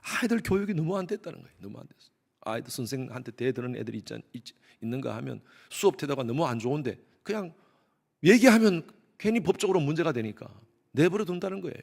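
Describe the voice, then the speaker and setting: A middle-aged man preaching a Sunday sermon as pastor, emphatic, swinging between loud stresses and hushed asides, acting out quoted speech. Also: on the high side, expressive, fast, gravelly. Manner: acts out quoted speech in voices. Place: church sanctuary.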